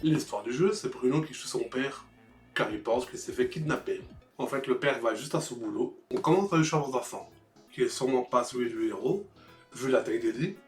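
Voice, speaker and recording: A man hosting a retro video game review show delivers humorous, scripted narration, sarcastic and foul-mouthed, in a medium-pitched voice at a moderate pace. The recording has a roomy echo with music playing behind him.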